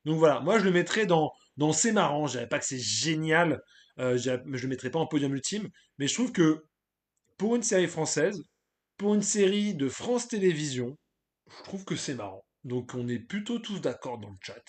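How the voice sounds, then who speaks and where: A man with a fairly high voice runs a relaxed live stream. He chats loosely and gives his opinions, stopping often to hesitate and to greet people in the chat. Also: normal speed. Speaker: streamer hosting a live tier list. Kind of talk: casual live-stream chat, reading the chat aloud.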